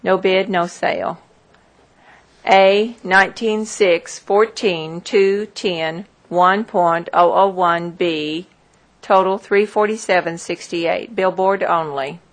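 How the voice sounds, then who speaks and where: A woman calls an auction in a slightly low voice. She reads strings of numbers very slowly and formally, one piece at a time, in a methodical, repetitive pattern. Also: steady tone. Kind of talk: formal auction calling, reading out parcel numbers.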